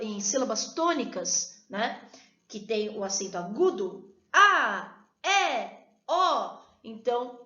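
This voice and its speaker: A Brazilian woman teaching a recorded video lesson, explaining rules step by step and checking in with her students after each point. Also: a little high. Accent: Brazilian Portuguese. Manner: explanatory, frequent checking tags. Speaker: Spanish teacher. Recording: echoey room, dull lo-fi sound.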